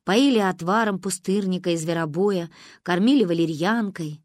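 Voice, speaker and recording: A woman narrating a family story aloud, acting out the quoted lines of the family members with big jumps in pitch. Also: moderate pace, dry recording, clean studio sound. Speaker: audiobook narrator. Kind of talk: scripted narration with voiced dialogue.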